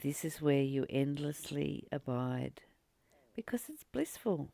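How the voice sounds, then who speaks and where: A spiritual teacher and channel host, this woman speaks in a low, sing-song, creaky voice with a warm tone and no echo. She reads and comments casually but earnestly, taking her time, pausing frequently, and repeating herself for emphasis.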